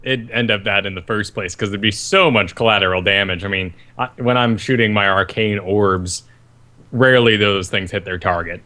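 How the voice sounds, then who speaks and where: A man's voice: fairly low pitch, normal speed, sharp tone. A man co-hosting a casual gaming podcast, making dry, wry jokes. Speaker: co-host.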